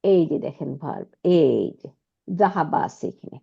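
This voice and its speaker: A woman's voice: low-pitched, animated, moderate pace, gravelly, slightly rough. A woman teaching Arabic grammar, explaining step by step and often asking her students whether they follow. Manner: checks understanding with frequent rhetorical questions. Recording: dull lo-fi audio.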